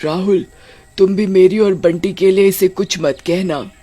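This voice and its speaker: A woman voicing a soft-spoken vengeful female ghost in a cartoon story, with a low, hushed, drawn-out way of talking. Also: steady tone, soft background music, natural voice. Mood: calm.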